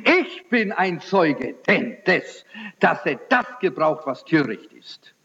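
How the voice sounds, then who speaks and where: Loud, impassioned male preacher in an echoey hall. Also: fairly high pitch, sing-song. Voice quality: loud, forceful voice. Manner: impassioned, rhetorical questions, slow emphatic build-ups. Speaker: evangelist preacher. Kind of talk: sermon. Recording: echoey hall, dull lo-fi sound.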